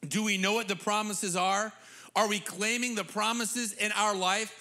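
A man in his thirties, a pastor preaching a sermon on a church stage into a handheld mic, animated and conversational. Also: high-pitched, normal speed. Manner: animated, gesturing while preaching; conversational, repeats words when restarting. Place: church stage with big screen.

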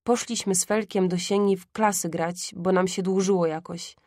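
A woman audiobook reader giving measured, expressive narration of a classic story at a close microphone. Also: on the low side, no echo. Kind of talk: scripted literary narration.

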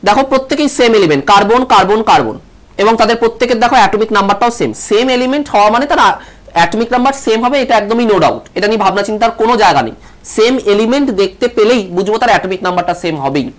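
A man's voice: high voice, animated, fast talker. A man teaching a televised online class, stressing syllables and repeating key words, asking questions and answering them himself.

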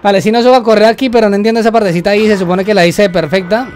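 A young man giving let's-play commentary while he plays, excitable, repeating words in quick bursts and yelping when startled. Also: sits high, a little hiss or hum. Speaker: gamer.

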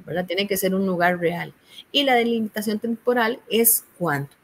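A woman's voice: mid-range voice, moderate pace, a little hiss or hum. A woman with a Costa Rican accent, a university tutor patiently explaining a course assignment, often checking in with "¿verdad?". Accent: Costa Rican Spanish.

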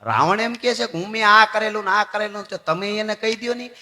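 A man voicing a wise old male bear counselor who speaks quietly and confidingly. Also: sits high, lively intonation, quick pace, long reverb tail, heavily acted.

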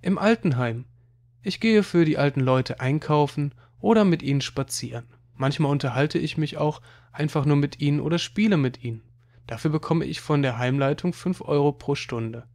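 Eager show-off boy cousin, teasing and quick, read by a man in a plain voice. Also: a little high, darkish tone, natural voice. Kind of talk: audiobook reading.

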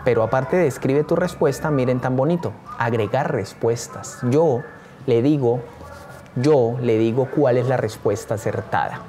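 A man's voice: mid-range voice, normal speed, warm tone, a little hiss or hum. A man teaching a screen-share tutorial, talking eagerly and straight to his viewers. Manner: enthusiastic, addresses viewers directly.

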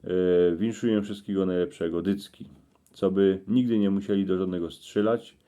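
A man's voice: sits low, steady tone, moderate pace, warm tone. A man with a Cieszyn Silesian accent, telling a folksy monologue in regional dialect and addressing listeners directly. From Cieszyn Silesia, Poland.

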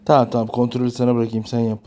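A man with a soft-edged, mellow tone chats as he plays a game with his child. He is cooperative and keeps checking in with short questions. The recording carries a little background noise. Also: mid-range voice, completely flat delivery, rapid-fire. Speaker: father playing a video game with his child. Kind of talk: casual gameplay chat.

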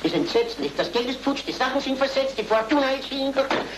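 A man's voice: extremely high pitch, expressive, fast. An actor playing a middle-aged merchant, flustered and grumbling, repeating his words in a 1930s film comedy. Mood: despairing. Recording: noisy, echoey 1930s film soundtrack.

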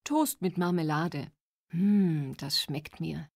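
A woman acting a friendly market seller in a scripted language-lesson dialogue, speaking slowly and clearly. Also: low-pitched, no room sound, exaggerated voice. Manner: slow, even, clear delivery.

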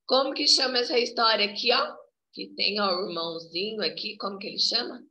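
A woman preschool teacher with a Brazilian Portuguese accent, coaxing little children through a remote lesson in a slow, singsong way and saying "ó" again and again. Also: medium pitch, lively intonation, sharp tone. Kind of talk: remote class for small children. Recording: echoey, dull lo-fi home video.

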